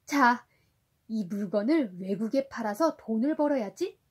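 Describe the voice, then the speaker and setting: A woman voicing a bold, excitable male sailor adventurer, dramatic and exclamatory, while reading a storybook to a toddler. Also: a little high, measured pace, breathy edge. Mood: eager.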